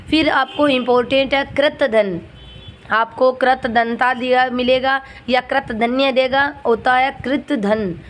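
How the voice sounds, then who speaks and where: A woman's voice: a little high, slight background noise. A woman teaching Hindi grammar for an exam, drilling each word by repeating its correct and wrong forms. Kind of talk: exam-prep lesson.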